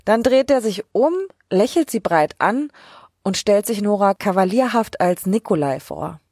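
A woman's voice: mid-range voice, expressive, a little slow, dark tone, husky, no echo, clean studio sound. A woman casually recapping the episodes of a series, chatty and colloquial, with wry asides.

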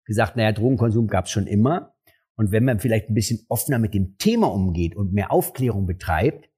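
Husky comedian telling stories. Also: male voice, brisk. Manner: animated, acts out dialogue with jumps in pitch. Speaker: stand-up comedian. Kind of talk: casual interview storytelling.

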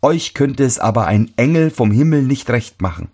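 A man reading a fairy tale and voicing a young male shoemaker's apprentice who calmly answers his master. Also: mid-range voice, moderate pace, voice pushed up. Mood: patient. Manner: calm, respectfully answering back.

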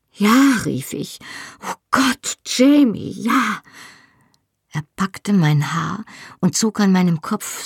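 A man reading a first-person novel aloud as an audiobook narrator, soft, intimate and unhurried. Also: a little high, husky, no room sound, clean studio sound.

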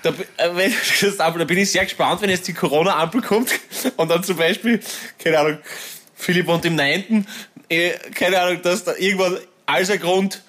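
A man's voice: high-pitched, normal speed, a bit bright. A man, co-hosting a podcast in a joking, chatty way with lots of restarts. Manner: joking, laughs while talking, stammering restarts. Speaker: podcast co-host. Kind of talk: casual podcast chat.

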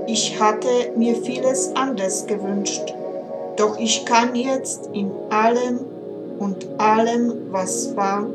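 A woman reading a story aloud in a calm, earnest, deliberate way, then giving a heartfelt personal greeting. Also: fairly high pitch, over loud music. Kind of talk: slow, measured read-aloud and heartfelt greeting.

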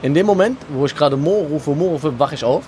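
A man's voice: a little high, expressive, brisk, darkish tone, slight background noise. A young man co-hosting a podcast, telling a long story in casual chat, rambling with many fillers and acting out quoted dialogue. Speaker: podcast co-host.

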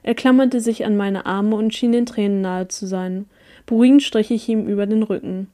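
Mellow-voiced woman reading a story. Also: mid-range voice, normal speed. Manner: even, storytelling read. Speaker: audiobook reader. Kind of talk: first-person story narration.

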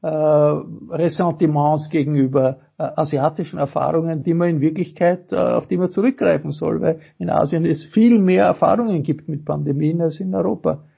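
Gravelly, halting older-sounding man. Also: fairly high pitch, fairly even intonation. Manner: halting, many fillers and restarts. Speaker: guest journalist. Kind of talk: political interview. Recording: dull lo-fi audio.

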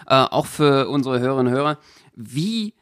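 A man's voice: medium pitch, animated, moderate pace, clear, resonant tone. A man co-hosting a podcast, asking questions hesitantly with many fillers. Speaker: podcast co-host. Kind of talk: casual chat.

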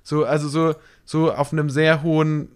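A man's voice: a little high, little pitch movement, normal speed, clear, resonant tone. A man in casual conversation, thoughtful and searching for his words, often breaking into light laughter. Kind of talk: casual chat.

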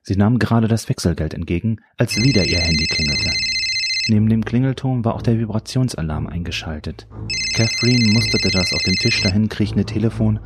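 A man giving steady, measured scripted narration of an audiobook. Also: on the low side, loud music behind the voice.

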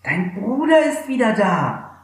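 A man's voice: high voice, sing-song, unhurried, voice pushed up. A man reading aloud who voices an eager servant bringing news, recorded in a very echoey room. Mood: excited. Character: eager young male servant.

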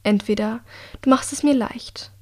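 Picture a composed young woman who threatens without ever raising her voice, as a female narrator voices her. Her words stay quiet, measured and icily polite, as in a dark audiobook. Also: a little high, close to an everyday voice. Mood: quietly menacing. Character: calm, coldly menacing young woman assassin.

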